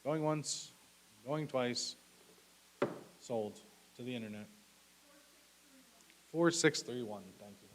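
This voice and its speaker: Hiss sits behind a man calling a live auction in a mid-pitched voice. He works as the auctioneer, delivering short, repetitive, clipped phrases in a courteous, businesslike routine of lots and bids. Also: slow, pauses often, low-quality recording. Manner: repetitive, clipped bid calls with polite thanks. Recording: clearly audible background hiss.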